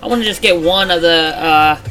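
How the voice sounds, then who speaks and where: A woman's voice: fairly low pitch, a little fast, over music, low-quality recording. A woman hosting a casual toy unboxing, chatty and narrating each find while she has the hiccups. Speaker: channel host.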